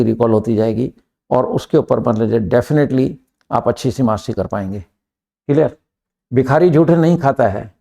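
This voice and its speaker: Gravelly Indian man teaching English. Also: mid-range voice, mellow. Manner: slow deliberate dictation of example sentences, frequent "clear?" checks. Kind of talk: grammar lesson mixing Hindi and English.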